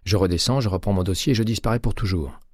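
A man's voice: deep voice, fast, a little mellow, dry recording, clean studio sound. A man voicing an urgent, persuasive middle-aged former patient in an audiobook. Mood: insistent. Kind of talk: audiobook reading.

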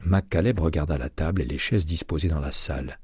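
A man narrating an audiobook thriller in an even, steady reading. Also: extremely low pitch, fairly quick, husky, no room sound, studio quality.

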